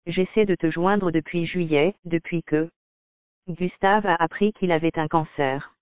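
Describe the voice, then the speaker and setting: A stern older widow who speaks firmly and with authority, read by a man in his own voice. The voice sits fairly high and comes through clear. The sound is dry and thin, like a phone line. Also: steady tone, measured pace, dry recording, natural voice. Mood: weary. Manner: firm, commanding. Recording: dry, tinny phone-like audio.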